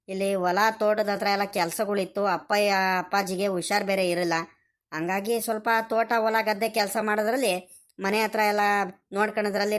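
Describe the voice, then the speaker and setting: A woman voicing a poor, dutiful young male farm boy in a village cartoon, explaining things softly and pleadingly in a rural Karnataka Kannada accent. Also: medium pitch, close to an everyday voice. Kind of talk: animated cartoon voice acting.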